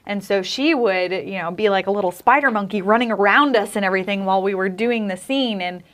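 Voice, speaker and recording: A woman stage actor and costumer, a guest in a casual interview, talking in a thoughtful, measured way. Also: medium pitch, fairly bright tone.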